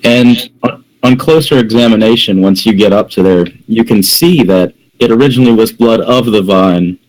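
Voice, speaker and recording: A man's voice: fairly low pitch, moderate pace, darkish tone, low-quality recording. A man narrating a tabletop game as game master, rambling with lots of restarts. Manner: rambling, many fillers and restarts.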